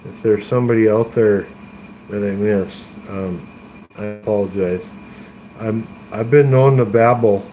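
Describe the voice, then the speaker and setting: A man's voice: fairly low pitch, a little slow, muffled recording, a little hiss or hum. Rambling man chatting on a livestream. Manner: rambling, talks to chat, many fillers and restarts. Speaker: live streamer. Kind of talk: casual rambling livestream chat. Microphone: tablet streaming via phone hotspot.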